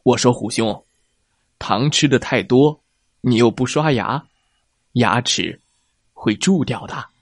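A man voicing a calm, advising lion. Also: mid-range voice, slow, long pauses, dry recording, studio quality. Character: sensible male lion friend.

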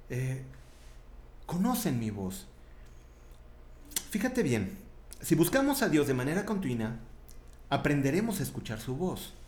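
A man's voice: medium pitch, reverberant. A man with a Mexican accent preaching a sermon in a chatty, conversational way, often tagging his sentences with questions. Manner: conversational, animated, tag questions.

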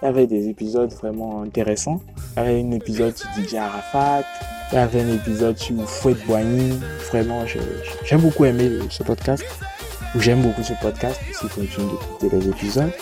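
Talking a little fast in a mid-range voice, this podcast reviewer casually chats about shows he enjoys, frequently restarting and repeating himself. His first language comes from the Yoruba family. Music plays in the background.

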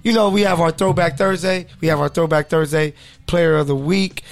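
A man's voice: a little high, fairly even intonation, moderate pace, vocal fry, no room sound. A man hosting a casual sports podcast, joking loosely with lots of fillers. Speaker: podcast host.

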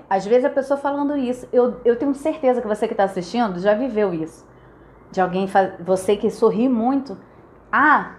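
A woman chats to her camera in a relaxed, personal way. Her voice sits a little high, and she brings her stories to life by mimicking other people. The talk stays animated and conversational throughout. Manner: lively storyteller, acts out quoted remarks. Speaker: vlogger. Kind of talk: casual chat to camera.

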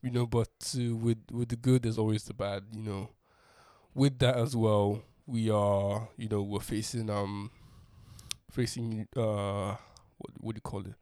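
Low, mellow-voiced young man rambling. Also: little pitch movement, unhurried, dry recording, studio quality. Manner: rambling, many restarts and fillers. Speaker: podcast host. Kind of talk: casual solo monologue.

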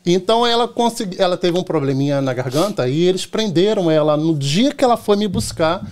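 A man's voice: high-pitched, expressive, a little fast, a little mellow. A middle-aged man from Rio de Janeiro with a Carioca accent, a podcast guest telling chatty anecdotes and acting out the dialogue. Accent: Carioca Portuguese. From Rio de Janeiro, Brazil. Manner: chatty, tells anecdotes acting out quoted dialogue, often tags "entendeu?". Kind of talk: casual storytelling in a podcast chat.

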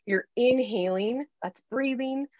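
A woman life coach explaining her method in a podcast interview, earnestly acting out gentle self-talk and how she speaks to children. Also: a little high, takes it slowly, dry recording. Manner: earnest, acts out gentle self-talk and talks to kids in quoted voices. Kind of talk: conversational advice in a podcast interview. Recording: dull, dry lo-fi sound.

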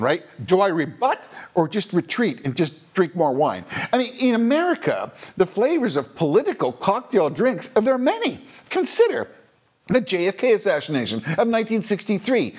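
A man's voice: sits high, husky. A man hosting a podcast, delivering a scripted commentary monologue with wry, sarcastic and theatrical emphasis. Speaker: podcast host.

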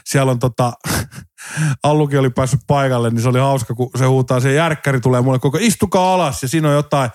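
A man chatting casually on a podcast, animated and full of anecdotes. His voice sits in a middle pitch and leaps up when he mimics others. The sound is dry and close, with little room. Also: no echo. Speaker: podcast co-host. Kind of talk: casual storytelling chat.

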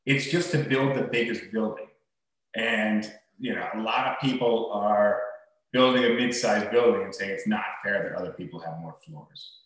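A man's voice: normal speed, fairly bright tone. A man co-hosting a podcast in casual chat, emphatic and swearing, recorded in an empty room that echoes like a cave. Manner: emphatic, swears, jumps between pitches. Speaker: podcast co-host. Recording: heavy cave-like room echo.

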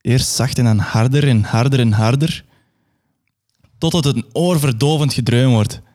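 A man's voice: medium pitch, moderate pace, a little mellow. A young man performing a grandiose, absurdist dramatic monologue.

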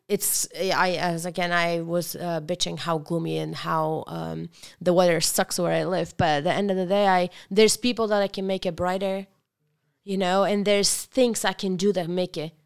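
A woman's voice: fairly low pitch, fairly even intonation, normal speed, creaky, smooth. A woman from Bulgaria, talking as a guest in a casual interview, reflective and earnest, often restarting her sentences.

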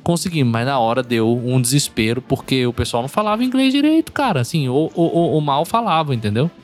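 Lively man spinning a story. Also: mid-range voice, fast, faint music behind. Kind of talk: casual storytelling chat.

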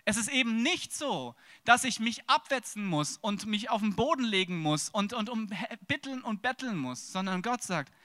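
A man preaching a sermon on stage, with a lively, dramatic delivery that swings from loud to hushed and acts out casual dialogues. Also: high voice, normal speed, few pauses. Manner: plays out casual dialogues with God.

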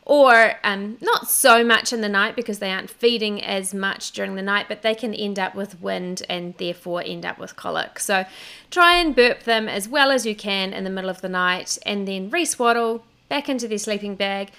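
A woman co-hosting a podcast, explaining baby care steps in a casual, halting way. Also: medium pitch, bright, forceful tone, clean tone. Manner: explaining step by step, fillers and restarts. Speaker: podcast co-host. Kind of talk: casual advice chat.

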